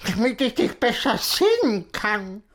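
A woman voicing a suspicious, gruff old grandmother with missing teeth in a spoken fairy tale. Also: fairly high pitch, very animated, unhurried. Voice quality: gap-toothed, curt.

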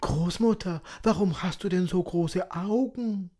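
A naive little storybook girl asking one question after another, slowly and plaintively, as a woman narrator puts her on. Her voice is dark and mellow for a child. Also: fairly low pitch, pitched below the performer's own voice. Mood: wondering.

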